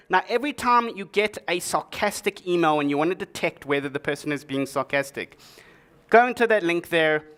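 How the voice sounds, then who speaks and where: A man presenting a tech talk on stage, speaking in a slightly higher register. His delivery is jokey and lively, mixing quips into the presentation. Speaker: conference speaker. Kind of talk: humorous tech conference talk.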